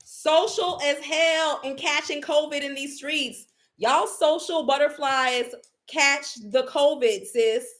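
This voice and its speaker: Speaking slowly in a high, somewhat bright voice, this psychic reader of Haitian family background delivers a casual tarot reading. She's brash and foul-mouthed, with a sassy, emphatic style.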